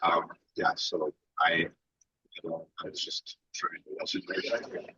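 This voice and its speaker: A man on a committee call, joining by phone while driving, speaking in a halting, apologetic way over a muffled line. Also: sits low, bright, forceful tone, husky, no room sound. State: driving, calling in from a car. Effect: phone call from a moving car. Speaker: committee member calling in. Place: in a car in traffic. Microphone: phone or car hands-free.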